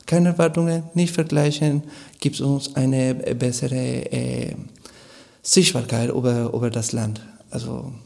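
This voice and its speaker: A man gives a radio interview in German, his language being Spanish. His voice has a gravelly, creaky edge at a middle pitch. He pauses and restarts often as he searches for words. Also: level tone, warm tone. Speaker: guest, Spanish course teacher.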